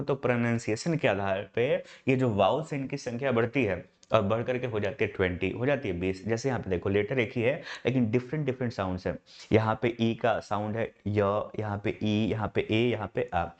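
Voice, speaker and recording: A man teaching English grammar in Hindi, explaining step by step and calling his students "my brother". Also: medium pitch. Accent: Indian English. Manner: asks students rhetorical questions. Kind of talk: online class lecture in Hindi.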